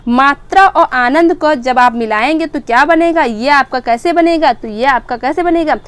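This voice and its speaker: Woman, high voice, grammar lesson, asks and answers her own questions, repeats key words. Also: moderate pace, dry recording. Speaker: teacher. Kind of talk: exam-prep grammar lesson.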